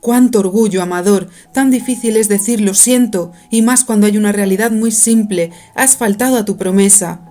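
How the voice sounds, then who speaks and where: A woman's voice: mid-range voice, moderate pace, hardly any pauses, mellow, soft background music, close to an everyday voice. A woman voicing a tearful, reproachful young woman.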